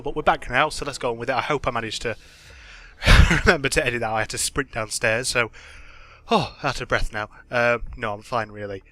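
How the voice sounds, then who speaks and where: A man's voice: mid-range voice, bright, forceful tone. A young man casually commenting on a racing management game, chatty and thinking aloud with plenty of fillers. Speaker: gaming channel host.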